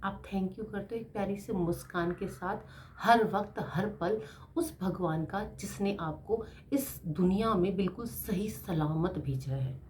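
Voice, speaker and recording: A middle-aged woman teacher giving a casual motivational talk, chatty and animated, laughing often as she talks. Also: mid-range voice, slight background noise.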